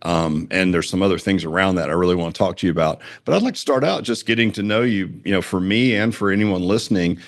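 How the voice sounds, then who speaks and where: A man's voice: low-pitched, fast, few pauses. A man hosting a podcast, upbeat and chummy, laughing often with his guest. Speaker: podcast host. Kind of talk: casual podcast interview.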